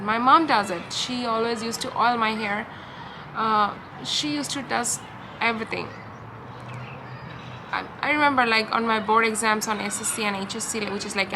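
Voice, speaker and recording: Recording her vlog in a park, a young Bangladeshi-accented woman speaks in a mid-range voice, confiding and talking things through to camera in a halting, hesitant way. Park ambience and the noise of vehicles in the distance fill the background.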